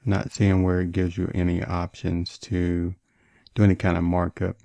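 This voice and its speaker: Deep-voiced man lisping slightly with braces. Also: completely flat delivery, moderate pace, vocal fry, mellow, no room sound. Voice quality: slight lisp and slurred speech from wearing braces. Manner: talks through steps as they are done. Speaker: tech reviewer and host. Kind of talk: casual gadget demonstration.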